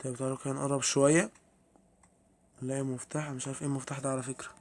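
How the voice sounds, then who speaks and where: A man's voice: medium pitch, flat delivery, racing. A young man with an Egyptian Arabic accent giving chatty commentary while playing a horror game and talking to his viewers. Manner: chatty, addresses viewers, easily startled. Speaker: gameplay streamer.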